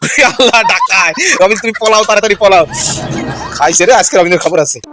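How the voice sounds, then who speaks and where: A man's voice: sits high, brisk, crowd noise. A man teasing a child and talking to viewers in a playful family vlog. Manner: teasing, addresses viewers directly. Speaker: vlogger filming a child.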